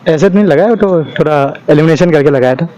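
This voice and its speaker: A man's voice: fairly high pitch, brisk, dark tone, lo-fi sound. A young adult man, an exam candidate, giving brief casual answers to an interviewer.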